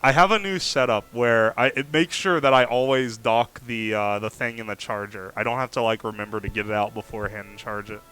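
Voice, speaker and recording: A man's voice: on the low side, steady tone, brisk, few pauses, sharp tone, clean tone, poor audio. A young man streaming a casual chat from his home through a lapel mic, his voice coming through crunchy and bitcrushed. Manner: laughs often, rambling. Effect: crunchy, bitcrushed mic audio. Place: home kitchen, indoors.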